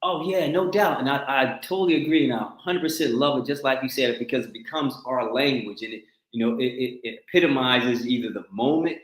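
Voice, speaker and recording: A man's voice: mid-range voice, fairly quick, hardly any pauses. A middle-aged man, hosting a casual talk show and telling stories with acted-out quotes and frequent laughs. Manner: animated storyteller, acts out quotes, laughs often. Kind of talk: casual chat. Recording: roomy echo.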